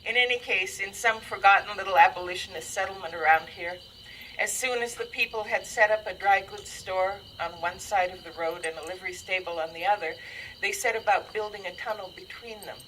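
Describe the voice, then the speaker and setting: A woman's voice: medium pitch, a little fast, bright, forceful tone, rough recording. A woman reading a story aloud to an audience in a dry, wry manner. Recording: audible background noise.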